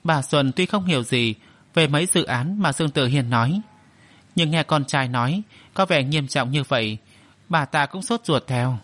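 A man narrating an audiobook in a steady storytelling manner. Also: fairly high pitch, normal speed, no room sound.

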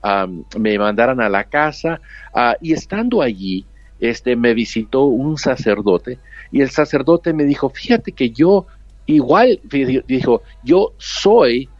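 An earnest male nurse and author, a native English speaker from the United States raised in a Mexican family, answers an interview by telling a story in a Mexican Spanish accent. His mid-range voice is expressive and slow, coming over a dull, dry remote line with no echo.

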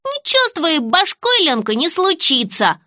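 A woman's voice: very animated, moderate pace, sharp tone, no echo, clean studio sound, full character voice. A woman reading an audiobook, voicing a mouthy boy of about seven. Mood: cheeky. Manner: shrill, mouthy. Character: cheeky little boy, seven or eight.

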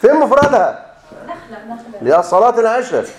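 A man's voice: very high voice, sing-song, fast. A man with an Egyptian accent teaching a grammar class, repeating each rule as a question and answering it himself. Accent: Egyptian Arabic. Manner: drills students with repeated fill-in questions, then answers himself. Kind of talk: classroom lecture. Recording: echoey room.

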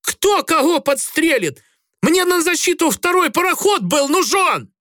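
A man voicing a drunk, insolent sailor who jeers, shouts and swears coarsely. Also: high-pitched, very animated, takes it slowly, no room sound, studio quality, voice pushed up, heavily acted. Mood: angry shouting.

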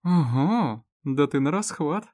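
A man voicing Lizzie, a caring, sharp-tongued woman, in a raised, teasing and scolding voice. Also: mid-range voice, animated, moderate pace, no echo, studio quality, close to an everyday voice. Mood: chiding, caring.

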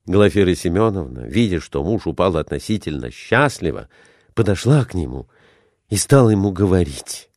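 A man narrating an audiobook chapter in an expressive manner, voicing the characters. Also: low-pitched, moderate pace, dry recording, studio quality. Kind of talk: audiobook reading.

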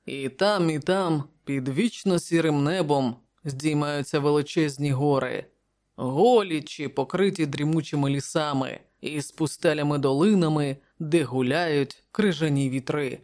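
A narrator reading an audiobook voices a brooding barbarian king from the north in a gruff, grim manner, close to the reader's own voice. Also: medium pitch, a little slow, a little mellow, natural voice.

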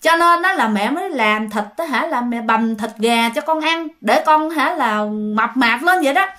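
Worried village mother from a ghost tale, gentle and high-voiced, as a woman storyteller plays her. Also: lively intonation, moderate pace.

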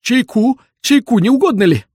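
Man doing a wailing high-voiced old official. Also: animated, moderate pace, a little mellow, breathy edge, no room sound, heavily acted. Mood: fawning. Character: fretful old male ex-official, tearful and fawning.

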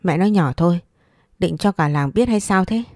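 A woman's voice: lowish voice, lively intonation, normal speed, a little mellow, no echo, studio quality. A woman voicing a tired, sullen teenage girl answering back in a story reading. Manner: weary and sullen.

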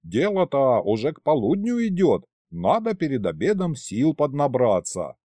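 A boozy old grandfather speaks in folksy rustic phrases, voiced by a man reading an audiobook. His voice is pitched up and lively. It sounds close and dry. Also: moderate pace, no room sound. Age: older.

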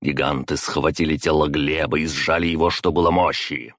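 Deep male narrator, measured fantasy reading, close dry mic. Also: steady tone, fairly bright tone, no echo. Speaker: audiobook narrator.

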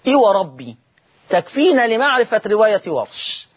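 A man with an Egyptian Arabic accent teaching Quran recitation on TV, repeating words slowly and quizzing his listeners with questions. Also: high-pitched, sing-song. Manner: repeats words slowly for drilling, asks the class rhetorical questions. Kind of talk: televised recitation lesson. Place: TV studio.

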